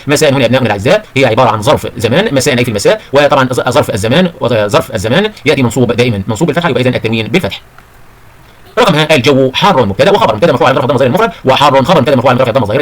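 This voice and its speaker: Male teacher, rapid delivery, talks pupils through grammar step by step. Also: mid-range voice. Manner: addresses pupils as "my sons and daughters", explains step by step. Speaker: Arabic teacher. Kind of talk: recorded grammar lesson for children.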